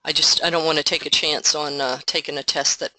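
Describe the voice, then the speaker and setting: A woman training colleagues on software over an online meeting, speaking through a headset in a patient, explanatory way and thinking aloud as she clicks through. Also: low-pitched, steady tone, a little fast, dry recording, low-quality recording.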